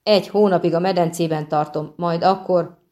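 A woman voicing a hot-tempered, arrogant young prince who shouts and insults, in an audiobook. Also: on the low side, fairly even intonation, close to an everyday voice. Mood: angry. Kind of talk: audiobook reading.

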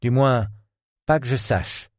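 A man voicing a suspicious, arrogant young woman who talks in a sharp, needling, familiar way. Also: medium pitch, slow, dry recording, clean studio sound, natural voice.

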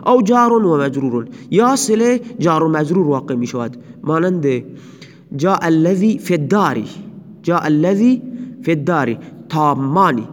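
A man giving a slow, deliberate audio grammar lecture as a teacher, repeating each example twice. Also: fairly high pitch, long reverb tail.

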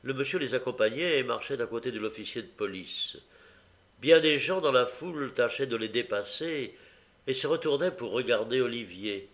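A man narrates a novel aloud with dramatic expression, his voice gravelly and creaky at the bottom. His pitch sits in a middling range for a man, and the reading rises and falls with the story. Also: animated, normal speed, fairly bright tone. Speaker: audiobook reader. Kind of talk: audiobook narration.

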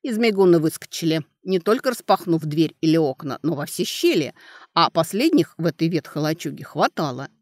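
A woman's voice: low voice, expressive, a little fast, a little mellow, dry recording, studio quality. A woman voicing an emotional, long-winded male mage in an audiobook. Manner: emotional, wordy.

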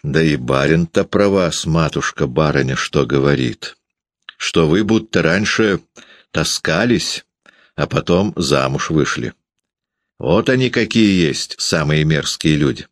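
A man voicing a drunk, rowdy old woman shoemaker who shouts abuse with slurred, raised speech. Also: extremely low pitch, lively intonation, measured pace, dry recording, clean studio sound. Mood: spiteful.

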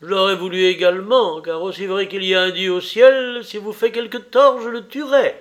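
A man reading an audiobook, voicing a jealous, hot-tempered sixteen-year-old boy who speaks loudly. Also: high-pitched, a little slow, pitched above the performer's own voice. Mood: threatening.

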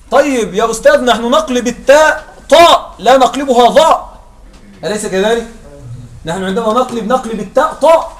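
High-voiced man teaching Arabic grammar. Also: a little hiss or hum. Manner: keeps checking that students follow, asks and answers his own questions. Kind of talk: classroom grammar lesson.

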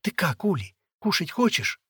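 A man reading aloud and voicing a spirited, bossy little girl who chatters in hushed, urgent tones. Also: high voice, very animated, moderate pace, breathy edge, dry recording, clean studio sound, pitched above the performer's own voice, exaggerated voice. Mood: chattering.

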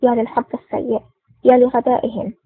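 A woman's voice: a little high, flat delivery, quick pace, breathy edge, dry recording. A woman reading a sly, wheedling male villain. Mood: angry. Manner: wheedling, then angry shouting. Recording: dry, tinny phone-like sound.

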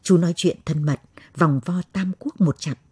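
A woman narrating a story in a slow, measured reading voice. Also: fairly low pitch, warm tone, slightly rough, dry recording.

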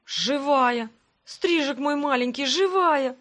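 A woman voicing a huge half-troll navigator who talks loudly and excitedly in an audiobook. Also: fairly high pitch, moderate pace, natural voice. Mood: overjoyed. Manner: loud and excited.

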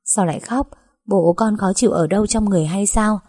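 Narrator puts on a doting older lady for a storybook, soft motherly scolding, husky and warm. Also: mid-range voice, a little fast, natural voice. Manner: gentle, coaxing, motherly scolding. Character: kind fussing older landowner's wife, doting.

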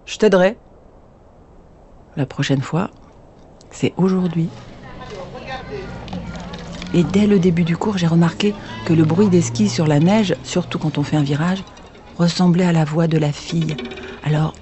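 A mellow, dark-toned reader tells a children's bedtime story in a child's first-person voice and turns to confide in the listener now and then. There is a faint hiss underneath. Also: mid-range voice.

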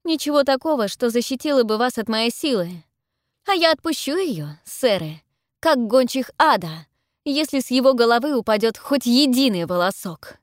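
A woman voicing a defiant young Victorian lady heroine in an audiobook, speaking in a loud, urgent, raised voice. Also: fairly high pitch, lively intonation, moderate pace, no room sound, studio quality, voice pushed up, close to an everyday voice. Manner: pleading then forceful, loud and urgent. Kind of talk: audiobook character voice.

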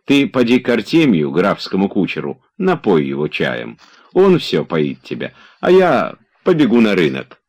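A man voicing a quick-witted housekeeper woman with a practical, brisk manner. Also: sits low, wildly swooping pitch, a little mellow, husky, pitched above the performer's own voice, full character voice.

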